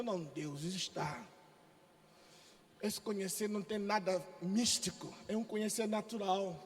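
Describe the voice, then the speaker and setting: A man pastor from Africa preaching a sermon in a lively, exclamatory, joking way. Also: high voice, in a large hall. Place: church.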